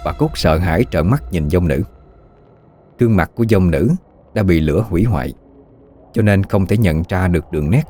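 A man narrating a horror story in a measured, even way. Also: deep voice, a little hiss or hum. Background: faint music.

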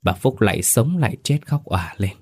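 A man's voice: on the low side, very animated, fairly quick, darkish tone, breathy edge, dry recording, studio quality. A man giving dramatic, scripted narration of a horror story.

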